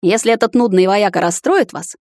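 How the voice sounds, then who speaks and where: A woman voicing a cheerful, teasing young male prince in an audiobook, loud and mocking. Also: medium pitch, a little fast, dry recording, studio quality, lightly acted. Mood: jaunty. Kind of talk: audiobook character voice.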